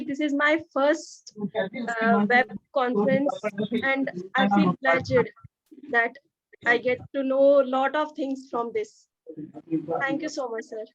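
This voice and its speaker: Female, Kashmiri accent, high voice, student giving informal thanks, dull conference-call sound. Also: no room sound. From Kashmir, India. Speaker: PhD student attending an online workshop. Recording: dull lo-fi web conference audio.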